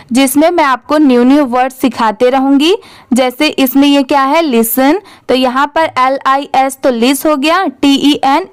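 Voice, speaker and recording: Patient woman teacher, slow and deliberate, high voice, walks through spellings letter by letter. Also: no room sound. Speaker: English reading teacher. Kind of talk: spelling out and reading English words.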